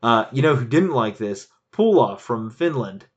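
A man chatting casually as a board game reviewer, animated and laughing, rambling with frequent restarts. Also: medium pitch, normal speed, muffled recording. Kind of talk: casual chat.

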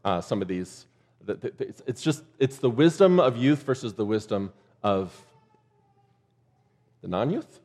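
A male pastor giving a sermon in a relaxed, conversational way. He slips in jokes and asides to the congregation and his pitch sits in the middle range. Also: unhurried, pauses often. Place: church.

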